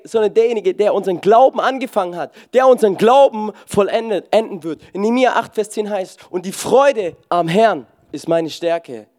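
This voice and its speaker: A man preaching a lively, casual sermon, often starting lines with "hey" and mixing jokes with scripture. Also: sits high. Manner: casual, jokey, peppers talk with "hey"; swings loud and soft, fast and slow.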